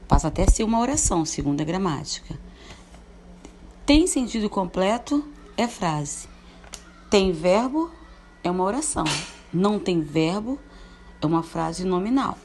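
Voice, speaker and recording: A woman teacher giving a recorded grammar lesson, explaining step by step, asking rhetorical questions and reading examples with lively expression. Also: on the low side, slight background noise.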